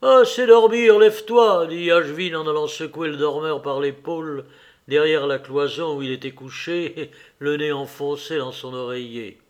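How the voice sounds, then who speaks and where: A man reading a classic novel aloud at a measured, even pace. His voice sits somewhat higher than most men's. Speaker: audiobook reader.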